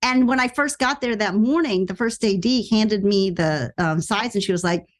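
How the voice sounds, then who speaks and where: A middle-aged actress telling a story in a casual interview, acting out quoted lines with sudden jumps in pitch. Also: female voice, moderate pace. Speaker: actress and podcast guest.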